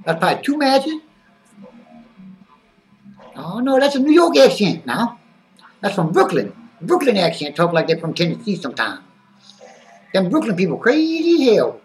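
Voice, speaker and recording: A man's voice: high voice, wildly swooping pitch, moderate pace, pauses often, recorded from a distance, faint music behind, heavily acted. A man putting on a brash, bouncy self-praising character. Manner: brash, drawling, refers to himself in third person. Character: zany boastful male wrestling-fan character.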